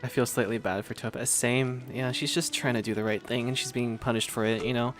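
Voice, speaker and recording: A man's voice: mid-range voice, steady tone, a little fast, a bit bright, faint music behind. A male gaming streamer in casual commentary, rambling and joking about the game.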